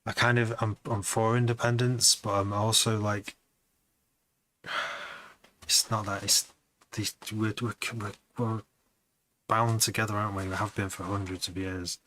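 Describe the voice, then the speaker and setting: A man's voice: fairly low pitch, little pitch movement, measured pace, pauses often, bright, forceful tone, slight background noise, rough recording. A man who produces music, chatting casually on a live stream, rambling and hesitant with many restarts.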